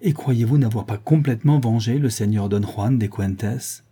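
A man's voice: mid-range voice, normal speed, mellow, breathy edge, close to an everyday voice. A man reading the part of a proud English major, pleading in an impassioned, declamatory way. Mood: anguished.

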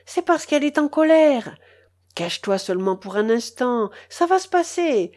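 A timid, kindly middle-aged uncle, as a woman reads him in an audiobook, anxious and pleading. His voice rides up high and wavers widely, then drops to a hushed aside. He sounds eager to calm everyone down. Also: moderate pace.

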